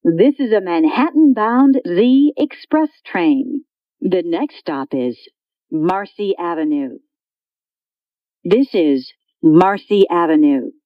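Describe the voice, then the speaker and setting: Woman's slow recorded train announcement. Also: fairly low pitch, expressive, no echo, highs cut off. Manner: slow, clear, measured delivery. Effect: recorded train station announcement. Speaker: transit announcer. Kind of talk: prerecorded transit announcements.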